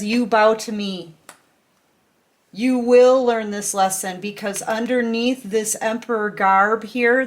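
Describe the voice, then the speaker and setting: With a voice on the high side, a tarot reader chats through a casual, affectionate reading. She's slightly sick, clears her throat, and her speech is full of fillers and restarts.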